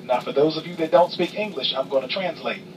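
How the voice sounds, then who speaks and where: A male flight attendant delivers a comic cabin announcement from some distance, through obvious background noise. His voice sits a little high for a man, and he talks with dry, mock-stern sass, repeating himself for emphasis. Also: brisk. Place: aircraft cabin. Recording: distant, noisy aircraft cabin capture.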